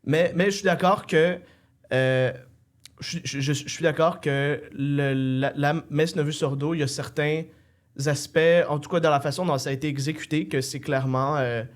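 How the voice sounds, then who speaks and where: A man's voice: on the high side, fairly even intonation, moderate pace. A man hosting an interview, who asks questions thoughtfully and hedges with many fillers. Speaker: interview host. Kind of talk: casual interview conversation.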